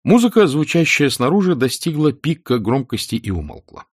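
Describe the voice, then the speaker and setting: A man narrating a story as an audiobook reader, expressive in his storytelling. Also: fairly high pitch, normal speed, slightly rough, no room sound, clean studio sound. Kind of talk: scripted narration.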